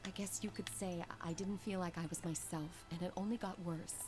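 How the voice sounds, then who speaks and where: A woman's voice: on the low side, steady tone, a little fast, natural voice. An actress as a shaken young woman, somber game voice over music. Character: frightened young woman recalling her ordeal. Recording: game audio with music underneath. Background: music box melody.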